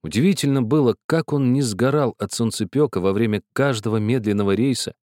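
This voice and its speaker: A man narrating an audiobook in a measured literary reading. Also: lowish voice, darkish tone, dry recording, clean studio sound. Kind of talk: scripted narration.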